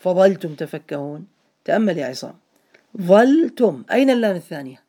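A man's voice: high-pitched, big pitch swings, a little fast, warm tone. A man leads a grammar lesson, calling on his students by name and repeating each point so it sticks. He blesses his students whenever they answer. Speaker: Arabic grammar teacher. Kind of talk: classroom lesson.

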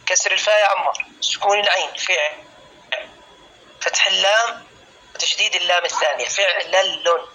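Man, teacher, husky bright voice, drills syllables slowly, calls on students. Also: high-pitched, poor audio. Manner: slow, syllable-by-syllable drilling of word patterns; addresses students by name, asks if clear. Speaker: Arabic grammar teacher. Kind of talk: classical Arabic lesson.

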